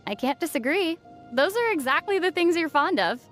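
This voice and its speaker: A woman playing a young female adventurer in a video game, gentle and fondly teasing. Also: very high-pitched, big pitch swings, normal speed, soft background music, heavily acted. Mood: friendly. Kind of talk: video game character dialogue.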